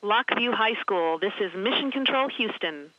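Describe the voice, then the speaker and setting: A mission control communicator speaking over a radio transmission in crisp, procedural radio phrasing. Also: mid-range voice, expressive, normal speed, no echo. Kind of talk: formal mission radio call. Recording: dull, dry radio line.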